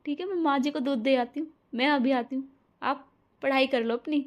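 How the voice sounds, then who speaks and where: A woman voicing a gentle young daughter-in-law in a cartoon story, speaking softly and hesitantly. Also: high voice, fairly quick, close to an everyday voice. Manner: soft, pleading, hesitant.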